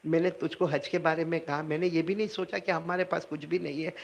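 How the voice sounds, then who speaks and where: A man voicing a ten-year-old boy who pleads tearfully with his mother, softer and lower than his preaching voice. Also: steady tone, gravelly. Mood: pleading. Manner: crying, pleading, repeating "mother".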